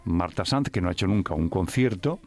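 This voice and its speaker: Bromista locutor de radio con acento de España. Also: male voice, low-pitched, animated, brisk, darkish tone. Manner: jokey, teasing, chatty. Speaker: radio host. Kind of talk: radio interview.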